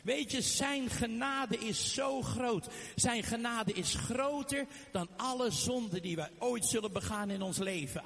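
Fervent high-voiced preacher. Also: male voice, gravelly, fairly bright tone. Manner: fervent, emphatic preaching with frequent amens and hallelujahs. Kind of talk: sermon. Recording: long hall reverb.

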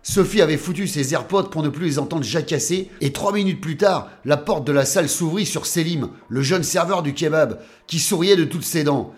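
A man's voice: a little high, normal speed, few pauses. A man narrating a scripted detective story in a wry tone with coarse slang.

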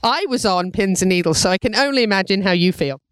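A woman's voice: medium pitch, expressive, quick pace, smooth, no echo, rough recording. A woman hosting a talk show, chatty and enthusiastic as she interviews a guest and reads sponsor credits.

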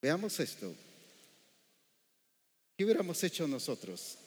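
A man's voice: fairly high pitch, very animated, measured pace, breathy edge. A male preacher delivering a sermon in a church, often quizzing the congregation with rhetorical questions. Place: church hall. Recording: echoey hall reverb.

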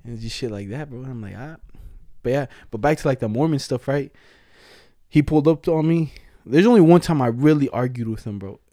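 Young male, slangy casual storyteller, mellow low-brightness tone, dry sound, acts out dialogue. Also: a little fast, dry recording. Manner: animated retelling with acted-out quotes, heavy slang.

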